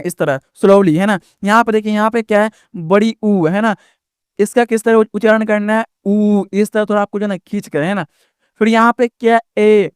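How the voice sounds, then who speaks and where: A man's voice: high voice, clean tone, no echo, clean studio sound. A man teaching viewers a lesson, often checking in with the class and stretching out vowel sounds to show pronunciation. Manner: repetitive, checks in with "ठीक ना" often. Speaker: online tutor.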